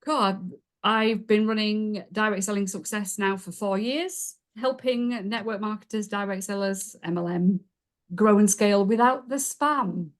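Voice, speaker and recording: In her forties and with a Yorkshire accent, this woman guests on a podcast as a business coach, telling her story in a casual interview. Her medium-pitched voice is steady and measured, and she comes across warm, chatty and self-deprecating, laughing along.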